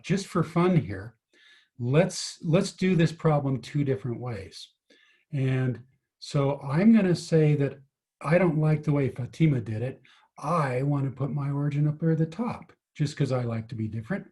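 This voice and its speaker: A man's voice: mid-range voice, mellow. A man tutoring physics over a video call, patiently explaining each step and asking his students questions. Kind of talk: online tutoring lesson.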